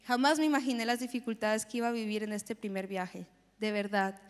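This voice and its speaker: Young woman, earnest sermon, emphatic repetition, high voice, church hall reverb. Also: steady tone, fairly quick. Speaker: preacher. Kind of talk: sermon with personal testimony.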